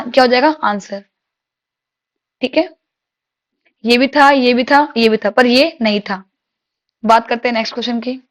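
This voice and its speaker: Woman teacher with a high voice, drills exam questions and answers them herself. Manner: reads English questions slowly, explains in Hindi with rhetorical questions. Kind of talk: exam-prep lecture.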